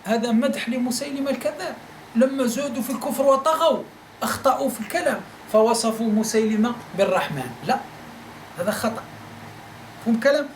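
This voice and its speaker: A man's voice: extremely high pitch, fast. A male teacher from Algeria giving a classroom lecture, repeating his points and asking listeners whether they follow. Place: study circle room. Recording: echoey room, faint noise.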